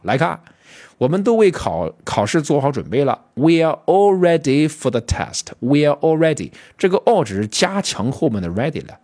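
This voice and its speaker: A man teaching English in a casual spoken lesson, talking straight to his students and slowing down to repeat English words. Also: mid-range voice, husky. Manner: lively, addresses students directly, slows to repeat English words.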